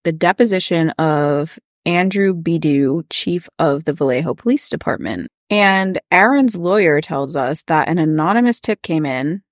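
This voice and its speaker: A woman's voice: sits low, moderate pace, few pauses, dry recording, studio quality. A young woman co-hosting a true-crime podcast, talking casually with sarcasm and swearing. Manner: animated, sarcastic, swears freely. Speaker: podcast co-host.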